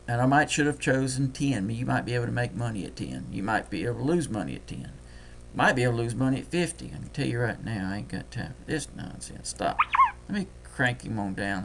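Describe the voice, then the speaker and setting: Gravelly Deep South man. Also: a little hiss or hum. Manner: folksy, talks fast while clicking. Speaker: trading software tutor. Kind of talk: screen-recorded tutorial.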